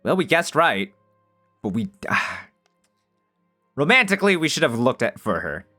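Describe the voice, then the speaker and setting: A man's voice: mid-range voice, very animated, moderate pace, bright, forceful tone, soft background music. A man reading a visual novel aloud as narration and breaking off to joke and swear in casual commentary. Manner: swears freely, jokes between narrated lines.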